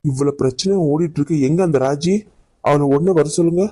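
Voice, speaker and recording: A man's voice: fairly high pitch, fairly quick, dark tone, breathy edge, no room sound. A man voicing a hot-tempered grown son and elder brother in a cartoon family drama, scolding and giving orders. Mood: angry. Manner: scolding, commanding.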